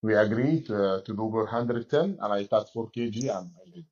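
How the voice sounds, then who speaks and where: Egyptian man in his forties, halting English. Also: on the low side, darkish tone, lo-fi sound. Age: 40s. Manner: halting non-native English with many restarts. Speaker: fighter and MMA coach. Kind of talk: remote interview answers. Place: gym locker room.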